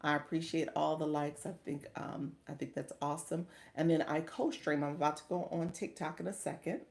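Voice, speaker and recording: A woman's voice: low-pitched, steady tone, fairly quick, creaky, a little mellow. A woman from Chicago hosting a casual livestream, upbeat and thanking viewers, calling them friend. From Chicago, US Midwest. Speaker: livestream coach and host. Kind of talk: casual livestream chat reading viewer comments.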